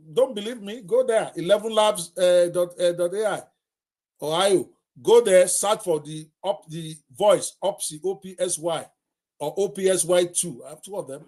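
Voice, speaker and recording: A man's voice: high voice, normal speed, a little mellow. A middle-aged Nigerian man hosting a live talk, speaking emphatically and addressing viewers directly, often repeating himself. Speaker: host.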